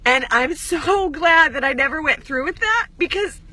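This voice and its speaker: A woman's voice: expressive, moderate pace, bright, forceful tone. A woman fitness coach on a live stream, tearful and crying as she talks to her followers, rambling earnestly with lots of swearing and "like" fillers. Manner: voice rises high when emotional.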